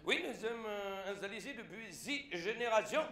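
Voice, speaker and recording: A falsely courteous old ex-Nazi, posing as a coffee planter, as a comedian puts him on. The voice sits very high in the comedy routine's monologue. It rings in a reverberant hall over a clear background noise. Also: male voice, expressive, normal speed. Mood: falsely polite. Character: old German ex-Nazi man posing as a polite coffee grower.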